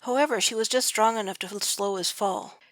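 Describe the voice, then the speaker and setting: A woman's voice: mid-range voice, normal speed, a bit bright, no room sound. A woman reads her own adventure story aloud in a home-made audiobook style. She stumbles and restarts often. The recording is dry, with no room sound. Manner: reads with frequent slips and restarts. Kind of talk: amateur audiobook narration.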